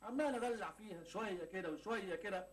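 A man's voice: high-pitched, fast, close to an everyday voice. A man playing a sulky broke young Egyptian man. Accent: Egyptian Arabic. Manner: grumbling, self-pitying. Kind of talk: 1980s Egyptian TV sitcom acting.

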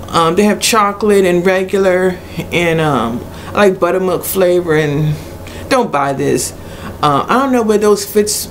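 Middle-aged woman, blunt, noisy webcam. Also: on the low side. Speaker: product reviewer. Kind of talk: casual vlog review. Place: small cluttered room indoors. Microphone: webcam at arm's length. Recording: noisy webcam recording with room ambience.

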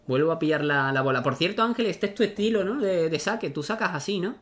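Excitable gamer, higher voice. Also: male voice, quick pace. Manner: excitable, talks to himself while playing. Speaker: gaming YouTuber. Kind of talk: casual gameplay commentary.

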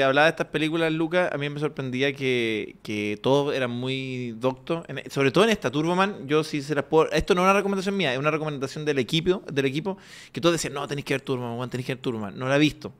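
A man's voice: on the high side, quick pace, a bit bright, clear, resonant tone. A man with a Chilean accent, co-hosting a podcast in rambling, slangy casual chat. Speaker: podcast co-host.

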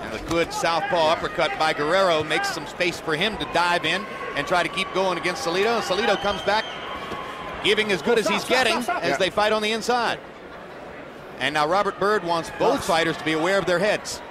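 A man's voice: sits high, a little fast, over a noisy crowd. A man giving live play-by-play boxing commentary in articulate, detailed sentences. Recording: loud arena noise behind voice.

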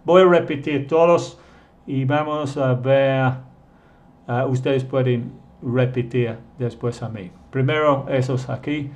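A man's voice: medium pitch, steady tone, slow pace, darkish tone. A man teaching an English lesson live online, reading chat questions and stretching out number words to show their pronunciation.

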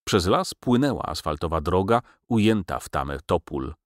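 A man reading a literary audiobook aloud, expressive, lifting his voice for the dialogue. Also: moderate pace, no echo, clean studio sound. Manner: expressive reading, voicing dialogue with lifted pitch. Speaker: audiobook narrator.

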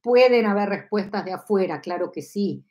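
A woman's voice: medium pitch, animated, normal speed, warm tone, highs cut off. A woman in her fifties with an Argentine Spanish accent, teaching a live online lesson from her home study on a lapel mic, often checking that listeners follow. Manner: explanatory, asks listeners for agreement. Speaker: Kabbalah teacher.

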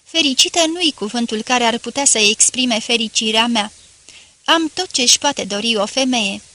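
Narrator voicing a radiant young wife, effusive, bright higher tone, storybook reading. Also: female voice. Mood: rapturous. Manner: rapturous, effusive. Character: young woman, joyful, adoring wife.

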